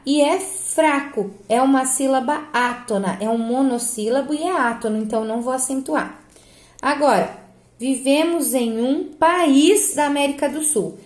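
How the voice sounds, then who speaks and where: Brazilian woman teacher, higher voice, step-by-step grammar explainer, echoey room. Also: a little slow. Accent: Brazilian Portuguese. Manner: explains step by step, asks herself rhetorical questions. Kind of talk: grammar lesson correcting exercises.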